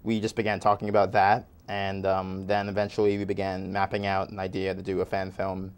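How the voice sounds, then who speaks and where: Low-voiced young man, rambling chat. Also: completely flat delivery, a little fast, clean tone. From Chile. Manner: rambling, with many "like"s. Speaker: guest filmmaker. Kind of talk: casual interview chat.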